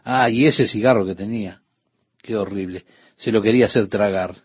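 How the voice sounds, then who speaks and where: A husky-voiced man delivers a radio sermon, reading scripture and telling anecdotes with earnest expression. The recording is dry and a bit dull, like an older studio broadcast. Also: fairly low pitch, brisk, no room sound. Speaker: radio preacher.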